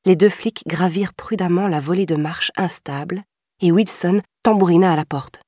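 A woman reading a crime novel aloud in a measured, scripted narration. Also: fairly low pitch, warm tone, no room sound, studio quality. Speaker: audiobook narrator.

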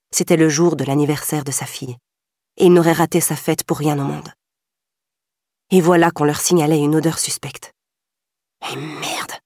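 A woman reading a crime novel aloud in a measured, scripted narration. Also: low voice, darkish tone, no echo, clean studio sound. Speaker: audiobook narrator.

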